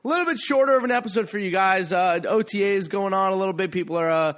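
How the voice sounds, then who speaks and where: A man's voice: high-pitched, fast talker, a bit bright. A man with a stuffy nose hosting a podcast, giving casual sports commentary in a chatty, playful, emphatic way. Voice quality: congested, stuffy-nosed. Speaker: podcast host.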